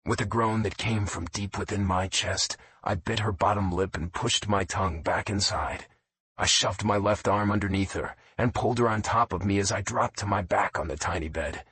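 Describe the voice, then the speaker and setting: A man narrating a romance audiobook in a low, intimate first-person reading. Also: moderate pace, a bit bright, slightly rough, dry recording.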